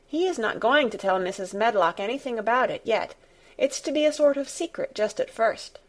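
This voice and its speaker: Woman playing a frank, higher-voiced little girl. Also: animated, moderate pace. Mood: firm. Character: determined, frank, curious young girl.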